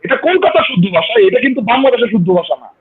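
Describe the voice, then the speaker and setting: A man's voice: extremely high pitch, very animated, very fast, crowd noise. A man with an Old Dhaka Bengali accent, a guest in a heated panel debate, who insists on finishing his point and stammers through restarts. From Bangladesh. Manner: insistent, talks over interruptions, stammering restarts. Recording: tinny phone-like line.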